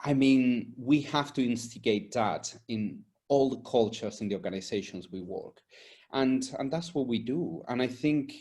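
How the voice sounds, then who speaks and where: This interview features an environmental and safety consultant, originally a Spanish speaker from Argentina and Spain, answering earnestly and conversationally. His voice sits mid-range with a darkish tone, and he talks at normal speed.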